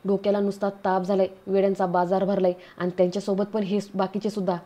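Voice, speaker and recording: Woman reading a proud young wife, snappy, mellow flat voice. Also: mid-range voice, fast talker, lightly acted. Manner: curt, mixes in English phrases.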